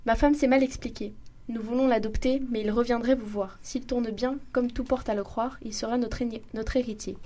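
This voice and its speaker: A woman voicing a wealthy husband who sets out an offer in a measured, businesslike way, in a story reading. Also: fairly high pitch, fairly even intonation, dark tone, close to an everyday voice. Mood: persuasive. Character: calm wealthy husband making a formal offer.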